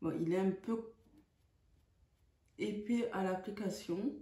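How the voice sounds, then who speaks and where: A woman's voice: medium pitch, takes it slowly, dark tone. A woman chatting through a makeup tutorial, hesitant and full of fillers. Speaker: beauty vlogger. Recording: echoey room.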